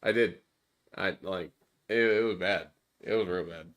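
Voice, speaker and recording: A man's voice: sits low, measured pace, a bit bright. A man co-hosting a podcast, talking in a rambling, profane way with many restarts and fillers. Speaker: podcast co-host. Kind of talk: casual chat.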